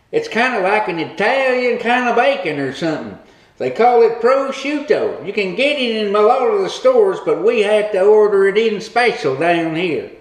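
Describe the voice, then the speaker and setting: A man's voice: extremely high pitch, reverberant, rough recording. A man hosting a comic cooking demo in a home kitchen, talking in a rambling, folksy hillbilly way. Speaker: cooking show host.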